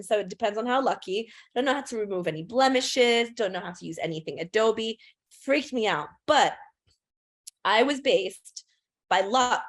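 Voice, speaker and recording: A woman in her thirties, a photographer giving a class in a chatty, self-deprecating way, with many fillers and restarts. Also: on the high side. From United States and United Kingdom. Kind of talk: casual presentation talk.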